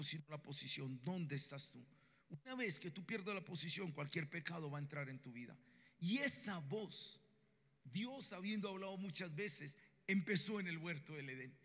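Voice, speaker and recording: Male preacher, animated sermon storyteller; high, forceful tone, reverberant hall. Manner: animated storytelling, acts out biblical dialogue in voices.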